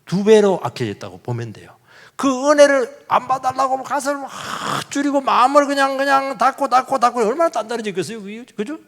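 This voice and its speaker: A pastor with a high-pitched, gravelly voice preaches a sermon in a church sanctuary, using rhetorical questions and acting out quotes. The recording carries the long reverb of the church hall.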